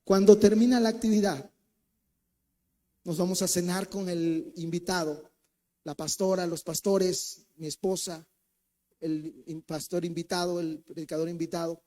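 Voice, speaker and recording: In an unhurried, high-pitched voice, a Mexican Spanish-accented co-pastor preaches in church through a personal anecdote. He acts out the voices and moves animatedly from loud passages to hushed ones.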